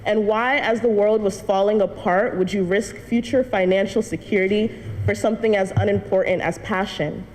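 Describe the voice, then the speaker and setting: Speaking to a church congregation, a young adult student tells her personal story earnestly, with the odd light laugh. She has a steady, slightly mellow medium-pitched voice and talks at a normal speed. Long church reverb and faint background noise fill the hall recording.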